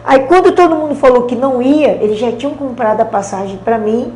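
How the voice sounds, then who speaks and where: A woman with a Brazilian Portuguese accent, a karate champion telling stories in a casual interview, acting out the dialogue in slangy, lively speech. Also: fairly high pitch, quick pace, echoey room, slight background noise.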